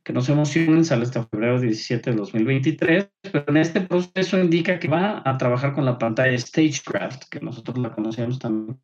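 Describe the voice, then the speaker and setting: A man's voice: mid-range voice, a little fast, hardly any pauses, faint music behind. A Mexican man co-hosting a podcast, chatting loosely with slang and casual swearing while his voice cuts out on an unstable online call. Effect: voice cutting out on an unstable online call. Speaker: podcast co-host. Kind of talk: casual chat about tech and movie news. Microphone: remote call from home. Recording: dull lo-fi call audio dropping out.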